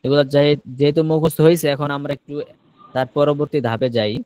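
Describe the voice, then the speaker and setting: A man leading an online English lesson, voice sitting a bit high and close and dry with no room around it. He calls out words one by one and drills them back slowly and patiently. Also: fairly even intonation, dark tone, clear, resonant tone, no room sound. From Bangladesh. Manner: drills students with quick prompts, repeats words slowly. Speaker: English teacher. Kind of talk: online spoken-English class.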